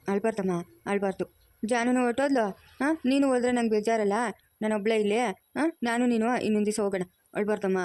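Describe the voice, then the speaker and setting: A woman's voice: a little high, fairly even intonation, fast, mellow, dry recording, lightly acted. A woman voicing a tender, fretful village grandmother in a cartoon, soothing a child in a rural Kannada accent from the Chikkaballapur region. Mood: coaxing. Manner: coaxing, soothing. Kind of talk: cartoon voice acting.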